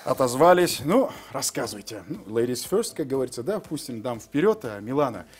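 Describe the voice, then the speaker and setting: A young man hosting a morning TV show, playful and teasing, laughing often in a bright studio on a lapel mic. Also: mid-range voice, sing-song, brisk, slightly rough. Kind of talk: joking TV studio interview.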